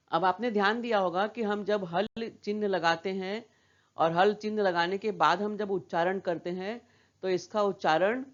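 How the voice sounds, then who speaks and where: A woman's voice: medium pitch, dull audio. A woman teaching a primary school lesson, patiently repeating words and asking questions back to the children. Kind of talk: slow classroom lesson for young children.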